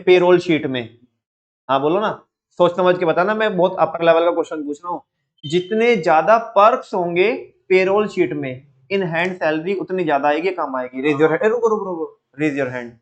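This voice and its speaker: एक पुरुष शिक्षक, जो हिंदी में क्लास लेते हुए बार-बार छात्रों से छोटे सवाल दोहराकर पूछता है।. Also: male voice, high voice, highs cut off. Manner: lively, keeps asking students quick repeat questions. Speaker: teacher. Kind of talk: classroom lecture.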